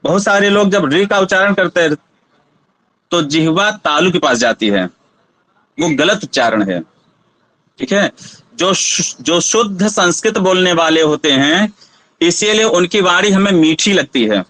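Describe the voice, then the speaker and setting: Casting: man, teacher, high unhurried voice, patient and questioning, dry close recording. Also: animated, fairly bright tone, dry recording, poor audio. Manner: patient, asks students to try sounds aloud. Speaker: Sanskrit teacher. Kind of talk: classroom lesson on pronunciation.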